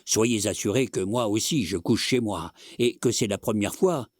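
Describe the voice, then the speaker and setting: Give me a man playing a panicky, pleading gentleman from a storybook, low-voiced and dry. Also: moderate pace, no room sound, lightly acted. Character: flustered middle-aged gentleman, pleading and timid.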